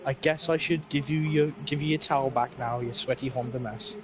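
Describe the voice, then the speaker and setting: A young man with a mid-range voice commentates an online racing league in casual esports style, talking briskly in a steady tone. He jokes and rambles with lots of fillers and sounds a little breathless and sick. The stream audio is dull and lo-fi, with background noise.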